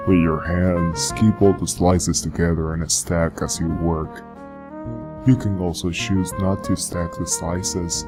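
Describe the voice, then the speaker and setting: A man putting on a seductive, muffled voice to read a how-to guide, slow and low like a smooth purr. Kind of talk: scripted how-to reading in a put-on voice.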